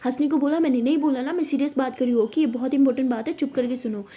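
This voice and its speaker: A woman's voice: high voice, steady tone, rapid-fire, warm tone, husky. A woman voicing a young woman in love who coaxes and teases her sulking girlfriend. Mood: exasperated. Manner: coaxing, teasing, pleading. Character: lovesick playful young woman, affectionate teaser.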